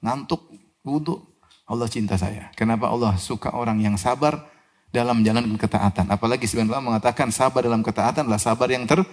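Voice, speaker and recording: A man preaching a sermon. He recites Arabic verses, explains them, and asks his listeners questions that he answers himself. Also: fast talker. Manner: animated, with sudden rises in pitch and loudness on key words.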